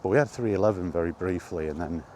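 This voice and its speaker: A middle-aged gaming vlogger rambles casually about retro games in his personal vlog, reminiscing informally. His voice is low and dark, he talks at a quick pace, and there's slight background noise.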